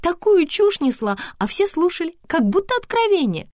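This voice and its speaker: A woman voicing a pushy young female image consultant who talks high, excited and insistent. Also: moderate pace, no echo, clean studio sound.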